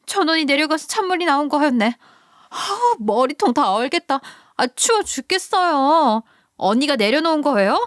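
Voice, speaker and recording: A high, whining young woman pleads and complains in a storybook radio tale, as a woman narrator puts her on. The voice sits well above the narrator's own and sounds close and dry. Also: very animated, moderate pace, no echo. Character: whiny young woman, sister-in-law.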